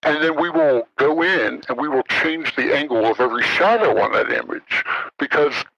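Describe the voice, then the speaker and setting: A man's voice: mid-range voice, expressive, normal speed, vocal fry, a bit bright, no room sound, rough recording. A man speaking through a voice alteration that disguises his identity, a former military official talking carefully and hesitantly, with many ums and uhs, in a podcast interview.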